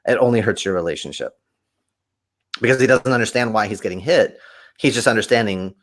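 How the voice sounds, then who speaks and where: A man, a podcast guest, telling stories animatedly in conversation and acting out quoted voices with big swings in pitch. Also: animated, a little fast, fairly bright tone. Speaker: podcast guest, kung fu teacher.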